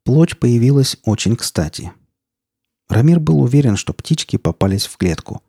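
A man reading an audiobook as narrator, in a tense, gritty storytelling manner with steady, measured delivery. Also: medium pitch, vocal fry, husky, dry recording, clean studio sound.

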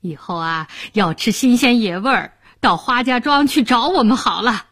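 A woman's voice: animated, normal speed, fairly bright tone, husky, no echo, clean studio sound. A woman doing a hearty big red-faced man. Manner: booming, laughing, open-handed.

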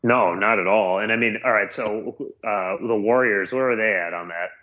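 A man's voice: on the low side, normal speed. A man co-hosting a sports podcast from a muffled, cave-like home room, chatting casually and thinking aloud with restarts. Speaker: podcast co-host. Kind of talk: casual sports betting chat. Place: small makeshift home room in a new house, under a blanket.

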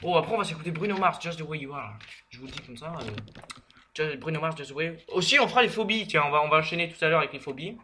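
A man's voice: fairly high pitch, expressive, fast, pushed and bright, slight background noise. A young man bantering in French street slang with a cheeky, joking manner, as on a prank call show. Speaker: prank caller on an amateur show.

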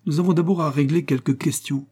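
A man's voice: fairly low pitch, moderate pace, dark tone, breathy edge. A man voicing a harsh, domineering older engineer who berates his son in a scornful, raised voice. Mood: furious.

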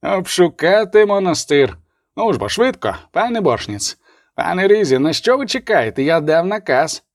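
A man's voice: high-pitched, very animated, normal speed, no echo, clean studio sound, pitched above the performer's own voice. A man voicing a haughty duke who gives orders in an imperious, commanding tone, in an audiobook reading.

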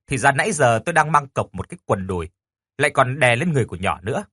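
Lively husky male storyteller. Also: medium pitch, fast, no room sound, studio quality. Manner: lively, stammering in dialogue. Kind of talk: first-person romance story narration.

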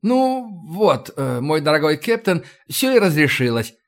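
A man voicing a short, fat, jolly male company manager who talks loudly and effusively in an audiobook. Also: on the high side, expressive, normal speed, pitched above the performer's own voice. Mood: jovial. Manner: loud, laughing, effusive.

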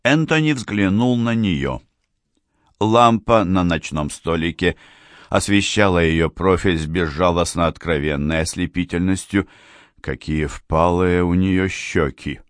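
A man reading a novel aloud as an audiobook narrator, in a measured, even storytelling delivery. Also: sits low, dry recording, studio quality.

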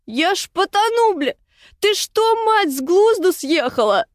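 A woman voicing a heavy, crude village woman drowning in panic, shrill and coarse. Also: unhurried, no room sound, clean studio sound. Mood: panicked.

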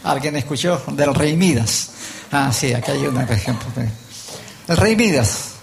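An older man with a Chilean accent preaches to his congregation in a folksy, storytelling way. His voice sits rather high and has a gravelly edge. He slips into the voices of the people in his stories. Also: lively intonation, measured pace, slight background noise. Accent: Chilean Spanish. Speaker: lay preacher. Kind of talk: sermon with told stories.

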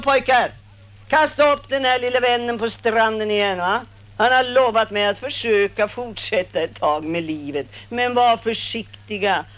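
A woman's voice: mid-range voice, natural voice. A woman playing a scornful old river spirit. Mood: commanding. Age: older. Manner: scolding, mocking, swings from growl to shout. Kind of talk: radio play acting.

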